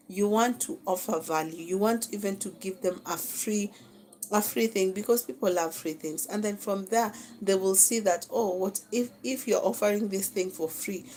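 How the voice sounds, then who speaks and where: A Kenyan woman leads a live-streamed class, coaching her viewers and often circling back to repeat a point. Her voice sits at an ordinary middle pitch, and faint noise hums under the recording. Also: darkish tone, poor audio. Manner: coaching, repeats phrases, frequent "okay?" check-ins. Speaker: social media marketing instructor.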